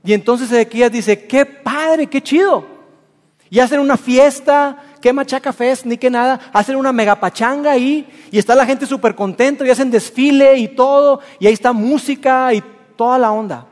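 A man preaching, retelling a story in a lively, colloquial way. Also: very high-pitched, a little fast. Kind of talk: sermon storytelling. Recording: long hall reverb.

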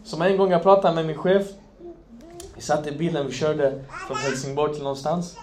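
High-voiced impassioned male preacher. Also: steady tone. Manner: impassioned, swinging from loud to hushed. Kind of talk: Islamic sermon.

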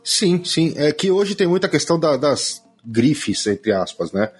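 A man's voice: on the high side, big pitch swings, measured pace, husky. A Brazilian man, a guest on a podcast interview, talking casually and emphatically and swearing when he gets annoyed. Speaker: podcast guest, umbanda practitioner.

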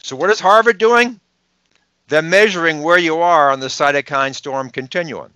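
Bright, emphatic man with a Boston accent. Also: a little high, smooth, no echo. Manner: emphatic, rhetorical questions, quick asides. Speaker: podcast guest, health researcher. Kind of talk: explanatory interview talk.

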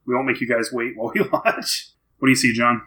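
A man leading a tabletop story game, explaining the rules and reading the opening story card aloud at a steady pace. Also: medium pitch, fast, low-quality recording.

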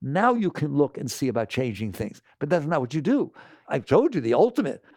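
A man giving an animated talk to an audience, scolding and asking rhetorical questions. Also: a little high, fairly quick, no room sound, clean studio sound.

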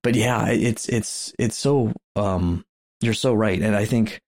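A man's voice: fairly low pitch, slow, a little mellow. A man co-hosting a podcast in casual chat, rambling with many restarts and frequent chuckles. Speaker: podcast co-host.

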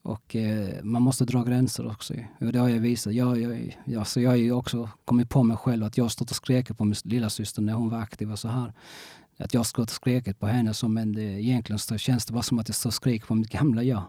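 A young man telling his own story in a casual interview, halting often and restarting with many fillers. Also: mid-range voice, flat delivery, warm tone, breathy edge, no room sound, clean studio sound.

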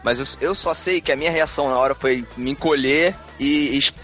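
A man chatting on a podcast, rattling off a personal story at a quick clip with faint music underneath. He stays animated, laughs often and repeats words as he goes. His voice sits at an ordinary middle pitch. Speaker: podcast co-host. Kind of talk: casual storytelling chat.

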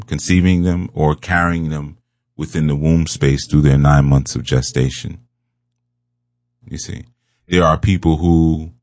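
A man with a bass voice gives a spiritual teaching talk, speaking slowly and emphatically and repeating his key phrases. There is no room sound.

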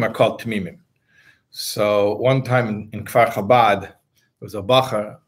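Husky-voiced man teaching a text. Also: fairly low pitch. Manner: discursive, talks in short bursts and explains each term. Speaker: Torah teacher. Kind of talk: explaining a religious text to a class.

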